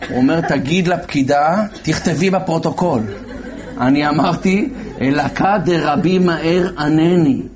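Animated male storyteller, voice on the high side. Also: crowd noise. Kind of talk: storytelling sermon.

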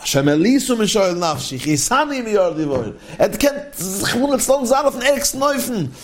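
A man gives a Torah lesson on the Psalms. He chants each verse in a lilting singsong and then explains it in a lively way. His voice sits a touch high for a man. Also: moderate pace. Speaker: Torah teacher.

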